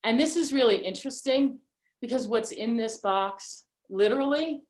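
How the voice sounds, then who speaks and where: A woman hosting an online holiday gathering, talking casually and haltingly with many fillers over a video call mic. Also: a little high, a little mellow. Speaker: event host.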